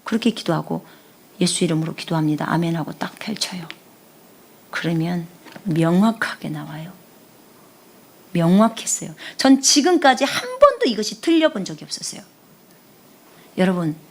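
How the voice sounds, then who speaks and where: Animated Korean woman preaching, gravelly edge. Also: medium pitch, moderate pace, pauses often. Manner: animated storytelling, often dropping to a whisper when quoting prayers. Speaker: missionary preacher. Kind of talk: live-streamed sermon with personal testimony.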